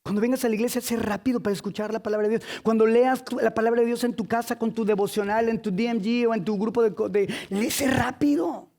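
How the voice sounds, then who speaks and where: A man delivers a sermon in a church with a notably high voice. He is lively and humorous, mixing teaching with jokes. He keeps drawing the congregation in with quick rhetorical questions. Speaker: preacher.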